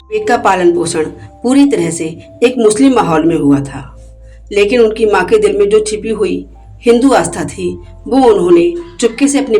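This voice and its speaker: A woman's voice: mid-range voice, warm tone. A woman narrating a devotional story in an emotive, dramatic storytelling manner.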